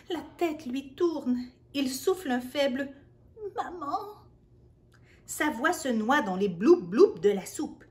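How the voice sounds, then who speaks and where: A woman reads a picture book aloud to a little one, gentle and playful. Her voice is high and lively, rising and falling a lot, and she reads slowly. Now and then she drops into soft, whispered asides. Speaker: children's storyteller.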